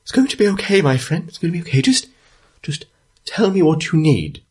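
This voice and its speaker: A man voicing a kindly male town marshal who gently comforts an old friend. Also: on the high side, big pitch swings, a little fast, breathy edge, pitched above the performer's own voice. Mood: soothing. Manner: gentle, soothing.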